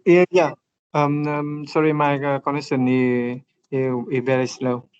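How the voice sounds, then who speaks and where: A man speaking in an online work meeting over a slow, bad call connection, halting with many fillers and restarts. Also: mid-range voice, level tone, a little mellow, clear, resonant tone, no echo. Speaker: software developer. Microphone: video call. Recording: dull lo-fi call audio.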